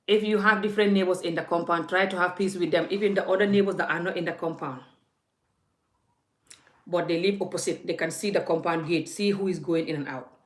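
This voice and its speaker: With a fairly low, steady voice and a brisk pace, a woman makes her case in an impassioned vlog rant. She speaks straight to the viewer in a forthright, scolding way from an echoey room.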